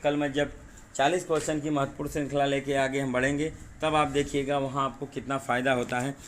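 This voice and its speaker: A male teacher giving an exam-prep lesson, explaining word pairs slowly and repeating them, often asking rhetorical questions. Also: mid-range voice, level tone, a little hiss or hum. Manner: says 'dekhiye' and 'thik hai' often.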